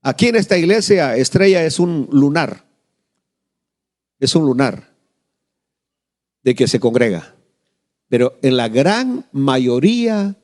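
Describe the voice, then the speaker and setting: Lively, animated preacher man. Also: medium pitch. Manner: animated storytelling, acts out quoted voices, asks the congregation questions. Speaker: pastor. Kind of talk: sermon.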